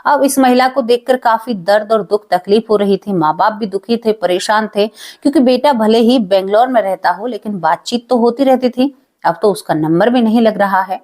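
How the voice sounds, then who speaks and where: A woman's voice: mid-range voice, moderate pace, darkish tone. Emotive woman telling a ghost story. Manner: emotive, addresses listeners as friends. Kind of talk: dramatic spoken story narration.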